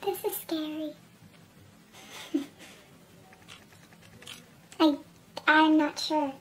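A vlogger with a helium-like chipmunk pitch-up effect, chatting casually and uncertainly to themself through a task. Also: steady tone, extremely slow, a little hiss or hum. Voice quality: high squeaky chipmunk, helium-like voice from pitch-shifting. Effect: chipmunk pitch-up filter. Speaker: beauty vlogger. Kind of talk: casual chat while doing a makeup challenge.

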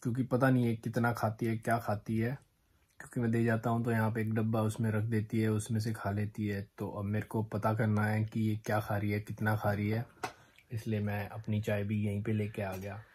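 A man's voice: lowish voice, monotone, brisk, darkish tone, breathy edge. A man casually explaining his family's morning to the camera in an easygoing way. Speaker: vlogger. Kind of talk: casual family vlog talk.

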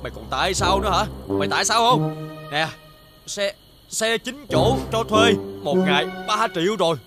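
A man's voice: high voice, sing-song. A young man with a Southern Vietnamese accent, acting an exasperated older brother who scolds and nags in a TV comedy series. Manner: exasperated scolding, rapid nagging. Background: music.

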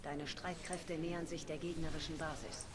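Woman as low-voiced composed hive advisor. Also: level tone, heavy background noise, natural voice. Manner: formal, measured announcements.

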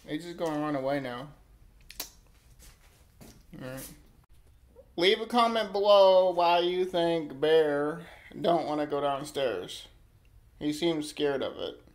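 This man's voice is a little high, with lively intonation, a slow pace and frequent pauses. As a pet vlogger at home, he talks casually to the camera and his dog, coaxing it with repeated simple questions while filming on a handheld device from behind the lens in a hallway and carpeted room. The home recording is noisy and amateur.

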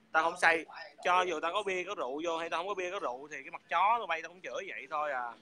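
A man's voice: fairly high pitch, quick pace, a crowd in the background. A man hurling crude, taunting insults in a heated livestream rant. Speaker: livestream speaker.

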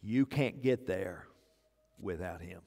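Slow, expressive and mellow, the voice of this older pastor sits low as he preaches a sermon, returning to key phrases to push his points. The clip comes from a church sanctuary stage indoors via wireless mic, with the lengthy reverb typical of a church hall.

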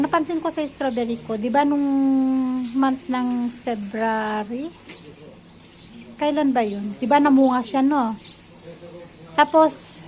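High-voiced woman vlogging at home. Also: a little mellow, poor audio. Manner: chatty, mixing Tagalog and English. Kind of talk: casual home vlog narration. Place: home garden and terrace outdoors. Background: faint outdoor ambience and tractor noise.

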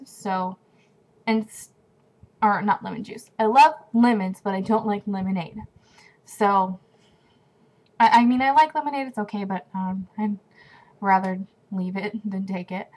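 A woman's voice: mid-range voice, low-quality recording. A young woman from California, chatting into a webcam at home with a runny nose, rambling with lots of fillers and restarts. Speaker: vlogger. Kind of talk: casual talking-to-camera vlog. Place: at home indoors.

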